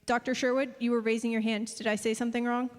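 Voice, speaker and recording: A woman with a fairly high voice addresses a congregation informally in a big echoey space. She sounds earnest and a little halting as she speaks. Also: flat delivery. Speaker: church speaker thanking donors. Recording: echoey hall with long reverb.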